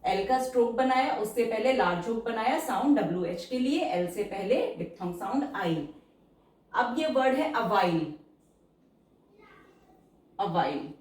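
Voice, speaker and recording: Slow patient woman teaching in an echoey room. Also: mid-range voice, expressive, a little mellow, far from the mic. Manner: slow, patient, checks understanding. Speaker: shorthand teacher. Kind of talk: step-by-step lesson explanation. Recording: echoey room, voice away from mic.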